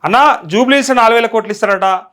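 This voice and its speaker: High-pitched male journalist, Telangana accent. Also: racing, fairly bright tone. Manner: challenging, rhetorical questioning of viewers. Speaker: journalist hosting a live call show. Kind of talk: news reading with conversational commentary.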